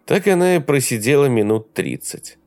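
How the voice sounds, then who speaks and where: A male audiobook narrator who reads in a steady, even way. His voice is gravelly and of average pitch, with faint music playing beneath the reading. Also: normal speed, no echo.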